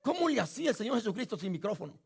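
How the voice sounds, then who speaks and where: A man preaching a fiery sermon to his church on a microphone, shouting and exhorting the congregation. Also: sits high, very animated, rapid-fire, vocal fry, husky. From Latin America. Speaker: pastor. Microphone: handheld microphone.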